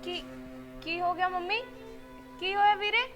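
A woman's voice: very high voice, fairly even intonation, measured pace, music in the background. An actress playing a grown daughter who pleads with her mother and defends her father in a short drama. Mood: pleading. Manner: pleading, then defiant.

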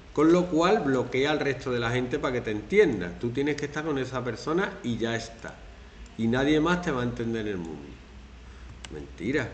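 A man from Spain teaching a classroom lesson, animated and acting out quoted phrases in mocking voices. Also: mid-range voice, reverberant, a little hiss or hum.

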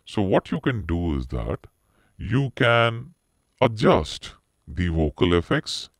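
A man demonstrating a product, his voice run live through a pitch-shifting voice changer on a headset mic, explaining the settings as he goes. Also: very animated, takes it slowly, no room sound, clean studio sound, exaggerated voice. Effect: real-time pitch-shifting voice changer. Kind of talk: product demo walkthrough. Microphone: headset condenser microphone.

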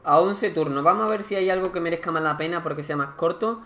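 A man's voice: on the high side, quick pace, pushed and bright. A man commenting casually on a strategy game, thinking aloud as he counts units and resources. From Spain. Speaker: gaming commentator. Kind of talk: casual let's-play commentary.

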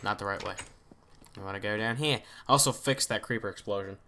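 A man's voice: on the low side, fast talker, pushed and bright, a little hiss or hum. A man hosting a gaming video, chatting casually and thinking aloud as he plays, often trailing off into mutters. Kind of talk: let's play commentary.

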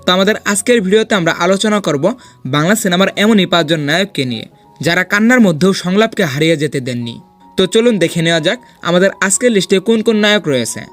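A man narrating a ranked countdown as a scripted voice-over, with a high-pitched voice and a brisk, rushing pace. His delivery is dramatic and persuasive, and soft music plays underneath. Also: expressive. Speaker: host of a film ranking video.

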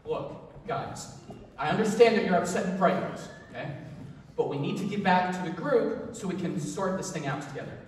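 A man plays a take-charge young man with a high, bouncing voice who keeps rallying everyone. He is heard from across a large hall, faint and washed in long reverb, with light room noise underneath. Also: lively intonation, normal speed. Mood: commanding. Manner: bossy, rallying the group. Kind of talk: amateur stage comedy acting. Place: large school theater hall. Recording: echoey hall from far off.

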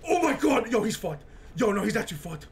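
A live streamer giving excited reaction commentary, yelling, laughing and swearing in bursts. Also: medium pitch, a little fast. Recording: steady background noise.

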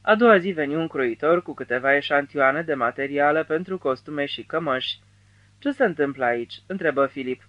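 A man narrating an audiobook in a measured storytelling manner. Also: on the high side, no room sound, lo-fi sound. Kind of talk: scripted narration.

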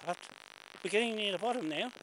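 An older man, out of breath and chatting as he films a walk down a bush stairway, often clearing his throat. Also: high-pitched, fast talker. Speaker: vlogger filming a walk. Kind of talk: casual walking commentary. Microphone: handheld camera mic. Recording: loud hissy camcorder audio.

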